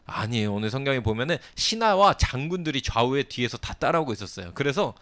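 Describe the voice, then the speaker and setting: A man's voice: medium pitch, sing-song, fast, a bit bright. A middle-aged man preaching a casual sermon to teenagers, acting out the story and often checking that they follow. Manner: chatty, acts out the story, keeps checking understanding. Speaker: youth pastor.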